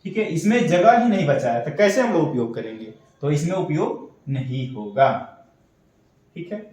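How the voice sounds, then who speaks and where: A man's voice: a little high, expressive, normal speed, a little mellow, heavy reverb, far from the mic, low-quality recording. A man teaching an online shorthand class, explaining step by step and checking in often. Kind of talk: online lesson.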